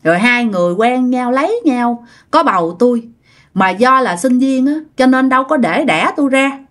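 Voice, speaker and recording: A woman's voice: on the high side, expressive, normal speed, a bit bright. Woman voicing a jealous wandering ghost. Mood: plaintive. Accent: Southern Vietnamese. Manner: plaintive, repetitive, resentful. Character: jealous wandering male spirit of an unborn child.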